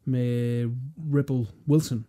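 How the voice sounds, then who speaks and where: A man's voice: medium pitch, little pitch movement, warm tone. A man co-hosting a film podcast in loose, casual chat, swearing freely and talking over his partner. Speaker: podcast co-host.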